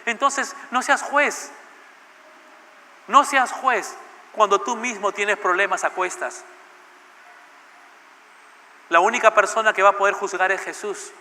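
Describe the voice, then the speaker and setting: A man's voice: sits high, fairly even intonation, slow pace, long pauses, full character voice. A pastor voicing an older male church mentor who patiently but firmly presses and corrects a young man, in a hall with a long echo. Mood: earnest. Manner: insistent, gently scolding.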